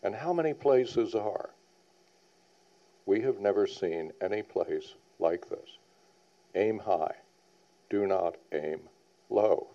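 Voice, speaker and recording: A man's voice: fairly low pitch, lively intonation, slow, long pauses, warm tone. A man on a planning panel giving a public presentation, earnest and emphatic, repeating key points. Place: public meeting hall. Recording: dull lo-fi sound.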